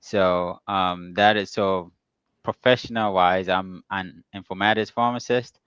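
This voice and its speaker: A man's voice: sits low, fairly even intonation, measured pace, fairly bright tone, clear, resonant tone, no room sound, dull audio. A man in his thirties from Ghana, a guest telling his story easygoingly with plenty of ums. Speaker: guest, pharmacist and real estate investor. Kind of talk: casual interview.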